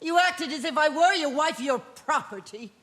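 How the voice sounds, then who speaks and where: An actress playing a resentful, unfaithful wife on stage, cold and defiant. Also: female voice, high-pitched, normal speed, fairly bright tone. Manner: cold and defiant, turning tearful. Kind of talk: stage drama performance.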